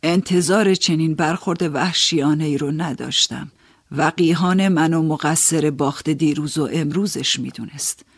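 A man narrating an audiobook in a measured, storytelling manner. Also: fairly high pitch, slightly rough, dry recording, clean studio sound. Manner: measured, storytelling, first-person.

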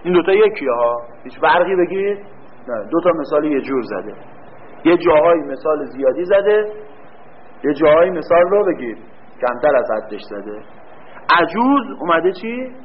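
A man's voice: fairly high pitch, sing-song. A man giving a grammar lecture, quizzing the class with questions and answering them himself, stretching out key words. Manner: drawn-out stress on key words. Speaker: teacher. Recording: dull lo-fi recording with faint room hum.

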